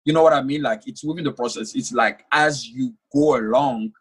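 A young author, French being his first language, gives an earnest conversational interview and often repeats words while working out what to say. His husky voice is medium in pitch and a bit bright, at normal speed.

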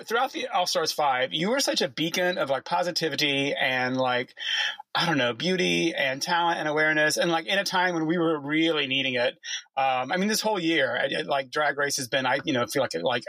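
High, bright-voiced man hosting a podcast. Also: animated, fairly quick, dry recording. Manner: effusive, exclamatory. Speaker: podcast host, TV producer. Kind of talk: bubbly interview podcast hosting. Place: small clothes closet at home, dry sound.

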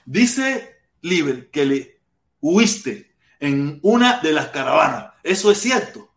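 Cuban guy ranting on a livestream, highish voice, roomy echo, says stuff over and over. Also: sing-song, slow, fairly bright tone. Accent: Cuban Spanish. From Cuba. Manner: heated, repeats words in bursts. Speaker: livestream host. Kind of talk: political livestream commentary reading chat.

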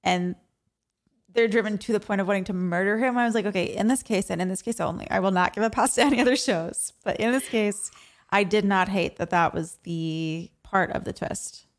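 A woman's voice: medium pitch, fairly quick. A woman co-hosting a podcast, talking in a chatty, emphatic way and laughing easily. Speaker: podcast co-host. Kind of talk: casual chat.

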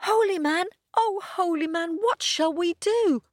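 A woman voicing a small, excitable young female watchdog who talks breathlessly and repeats herself. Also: very high voice, unhurried, no echo, clean studio sound, pitched above the performer's own voice. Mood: anxious, excited.

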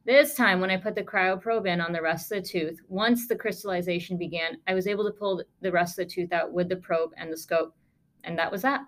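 A woman's voice: fairly low pitch, fairly even intonation, brisk. A woman podcast host, a lung doctor, telling a case story in a conversational, emphatic way with sarcastic asides.

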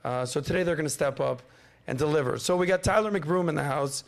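Throaty, gravelly male podcast host. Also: on the high side, fast talker. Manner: joking, teasing. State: under the weather, worn throat. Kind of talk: casual panel banter.

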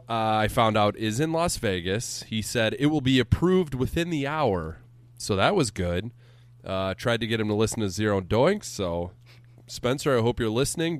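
Low-voiced man ranting on a podcast. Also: no echo. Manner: animated profane ranting. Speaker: podcast co-host. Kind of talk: casual podcast banter. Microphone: studio microphone.

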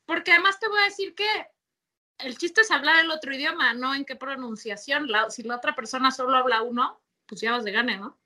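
A Mexican woman co-hosts a casual podcast with friends. Her voice is high and very bright. She tells stories full of slang and laughs often. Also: brisk. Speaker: podcast co-host. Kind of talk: casual chat.

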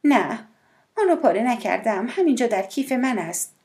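Death speaks as a mysterious woman, composed and quietly teasing, voiced by a woman reading the audiobook. The voice sits a little higher than the narration and moves in lively rises and falls. There is a faint gravelly edge to it. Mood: calmly assured. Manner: cool, composed, softly teasing. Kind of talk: audiobook character voice.

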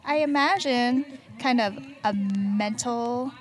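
A woman's voice: fairly high pitch, slow. A woman hosting a podcast, asking long rambling questions in a chatty, upbeat way and laughing easily. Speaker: podcast host. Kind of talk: casual interview chat.

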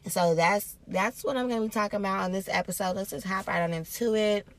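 A woman with a medium-pitched, brisk voice hosts her own podcast, talking solo in a casual, upbeat and reflective way. She repeats phrases for emphasis.

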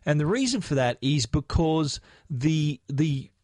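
Chatty Australian tech podcast host. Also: male voice, a little high, very animated, unhurried, darkish tone, no room sound, studio quality. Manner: conversational, with frequent restarts and fillers. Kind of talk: podcast tech news segment.

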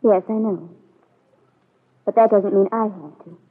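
This young adult actress, American-accented, has a medium-pitched voice with a breathy edge, fairly even intonation, and an unhurried delivery. Heard through the muffle of a vintage radio soap opera recording, she portrays a coolly aloof eighteen-year-old country girl, proud and hurt, speaking in a cool, formal way.

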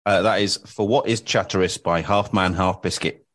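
Low-voiced man running a quiz. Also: fairly even intonation, moderate pace, fairly bright tone. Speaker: podcast co-host running a quiz. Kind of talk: casual chat.

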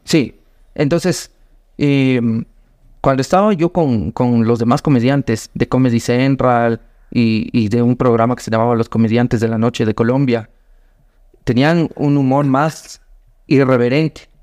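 A man's voice: mid-range voice, unhurried, darkish tone, no echo. Young adult Ecuadorian man, comedian guest, loose rambling anecdotes with acted-out voices, dry close sound. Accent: Ecuadorian Spanish. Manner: rambling, restarts often, acts out quoted voices. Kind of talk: casual storytelling interview.

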